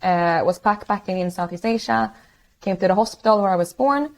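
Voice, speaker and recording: A woman's voice: medium pitch, fairly quick, rough recording. A woman in her thirties from Sweden, a startup founder telling her story in a casual interview over a video call, with many fillers and restarts. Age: 30s. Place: home room, video call.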